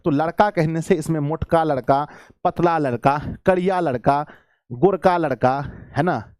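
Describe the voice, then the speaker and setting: Teacher drilling students. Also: male voice, a little high, measured pace, darkish tone, no echo, clean studio sound. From Bihar, India. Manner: calls students "my children", asks questions then answers them; repeats each point, with rising emphasis on examples. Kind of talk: blackboard grammar lesson for students.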